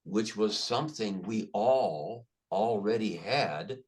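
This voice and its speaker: An older man, a podcast guest, speaking emphatically and telling stories with animated restarts. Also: on the low side, slow pace, rough recording. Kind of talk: conversational interview storytelling.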